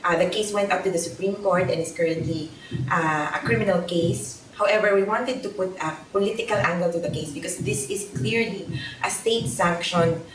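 A woman's voice: on the low side, moderate pace, slight background noise. A young woman from the Philippines, a student activist, speaking earnestly in an interview with some fillers. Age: young adult. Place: indoor room with posters. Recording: echoey room from a distance.

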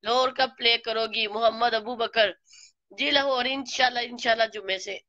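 A woman with a Pakistani Urdu accent, slightly hoarse from a flu, slowly greeting live stream viewers by name and teasing them. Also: a little high, steady tone, pushed and bright, dry recording, muffled recording. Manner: slow, greets viewers by name, playful scolding. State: hoarse from a flu and sore throat.

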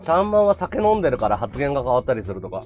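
Animated chatty man streaming. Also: medium pitch, racing, soft background music. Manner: chatty, animated, laughs a lot. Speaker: livestream host. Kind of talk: casual chat to viewers.

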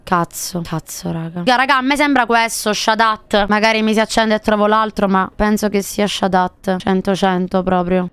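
A woman's voice: mid-range voice, normal speed, few pauses, a bit bright, clear, resonant tone, no echo. A young adult woman commenting live on a horror game, jumpy, screaming and swearing at the scares and chatting with her viewers. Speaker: streamer playing a horror game.

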